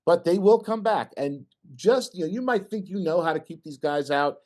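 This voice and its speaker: A middle-aged man gives an informal technical talk with slides. His pitch swings widely and animatedly. He jokes and throws questions to the audience. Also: normal speed. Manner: lively, joking, asks audience questions. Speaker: presenter at an engineering society meeting.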